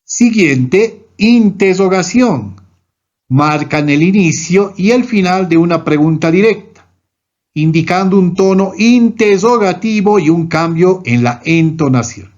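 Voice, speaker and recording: A man's voice: high voice, animated, unhurried, darkish tone, muffled recording. A man reading a scripted grammar lesson, going through numbered rules and examples one by one. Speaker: teacher.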